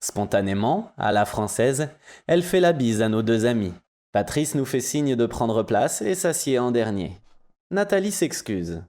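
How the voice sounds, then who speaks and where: A man narrating an audiobook in a measured storytelling manner. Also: mid-range voice, sing-song, a little mellow.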